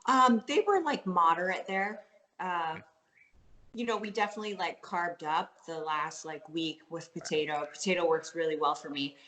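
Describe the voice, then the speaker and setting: Young canadian woman, casual guest chat, lower voice, roomy echo. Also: moderate pace, a bit bright. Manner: chatty, lots of likes and ums. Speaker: guest athlete.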